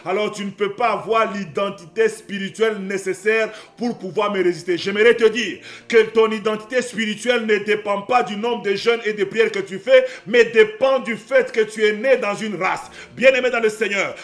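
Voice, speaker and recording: High-voiced fervent preacher man. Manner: fervent preaching, often shouting, repeats phrases. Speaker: pastor. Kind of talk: sermon.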